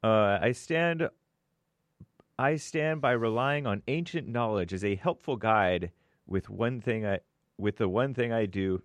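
A man's voice: fairly low pitch, unhurried, no echo. A man co-hosting a show, reading viewer messages aloud in a plain, matter-of-fact way with small asides.

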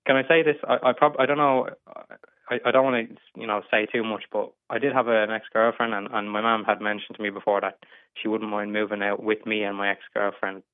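Young man, twenties, hesitant, stumbles and restarts, lowish voice, thin phone-line sound. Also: level tone, fairly quick, clear, resonant tone, dry recording. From England. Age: 20s. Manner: hesitant, stammering with many restarts. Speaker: caller. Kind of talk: casual advice call.

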